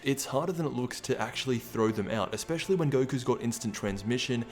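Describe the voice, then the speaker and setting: A man's voice: mid-range voice, lively intonation, fast talker. A man hosting a video, giving casual, opinionated commentary and recap in an explaining way. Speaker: video host. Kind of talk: fan recap and commentary on an anime episode preview. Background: music behind the voice.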